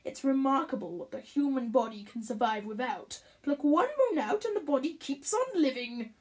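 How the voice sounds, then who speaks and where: A woman reading the lines of an eerie, unsettling middle-aged father in a story, slow and ominous. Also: high-pitched, lively intonation, a little mellow.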